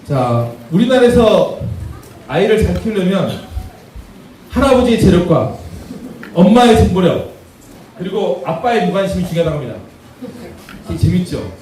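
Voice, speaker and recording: A man's voice: high voice, very animated, normal speed, long pauses, mellow. A man giving a parenting lecture, telling humorous stories and acting out voices. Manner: humorous storytelling with acted voices. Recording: echoey room from far off, faint noise.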